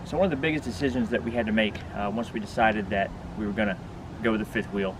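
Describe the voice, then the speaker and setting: Standing outdoors next to the bed of a pickup truck, a man with a fairly low voice gives a product walkthrough as an RV vlogger. He talks fast and casually to the camera, plain-spoken and informal, covering the gear one step at a time, while wind and passing vehicles come through clearly in the background.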